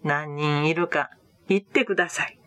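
A woman voicing a smooth-talking male stranger in a storybook reading, polite and persuasive. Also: deep voice, moderate pace, a bit bright, no room sound, pitched below the performer's own voice.

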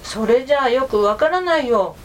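A woman voicing a naive young male rooster in a storybook tale, speaking in a high, boyish chirp. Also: expressive, fairly quick. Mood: puzzled.

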